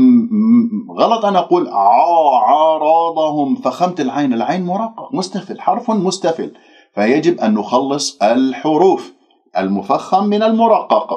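Male recitation tutor, mid-pitched. Drills sounds slowly, explains rules crisply. Muffled, lo-fi recording. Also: mellow. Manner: corrective, drills single syllables slowly, then explains rules briskly. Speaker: Quran recitation teacher. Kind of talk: pronunciation lesson. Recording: dull lo-fi recording.

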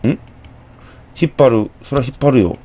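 A gameplay commentator, a young man speaking with a Kansai accent, chats through a horror game while murmuring to himself and exclaiming whenever he gets spooked. He talks briskly in a husky, dark, mid-range voice that stays animated.

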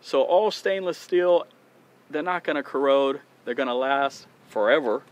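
A man's voice: medium pitch, a little slow. A man in his thirties hosting a fishing channel, chatting eagerly to viewers as he unboxes gear on a dock. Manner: enthusiastic, chatty, addresses viewers as guys. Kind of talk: casual product unboxing. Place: outdoors on a dock by open water.

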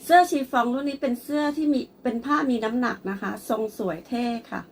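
A woman's voice: a little high, fairly quick, a little hiss or hum. A woman presenting and selling a blouse, speaking politely and addressing the customer often. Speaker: online clothing seller. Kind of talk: product showcase sales pitch.

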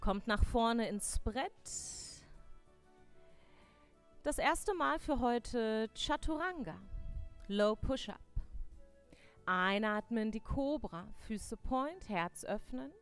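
A young woman teaching a live yoga class, giving clear step-by-step cues on breath and posture, with playful corrections to her students. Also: a little high, animated, drawn-out words, long pauses. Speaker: yoga instructor. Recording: faint music behind.

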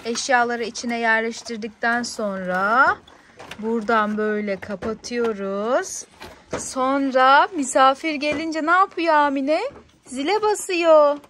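There's a little hiss or hum behind this woman's fairly high, slightly bright voice as she speaks at a measured pace. She's doing a playful toy unboxing on a living-room sofa, cheering on a small child and asking question after question.

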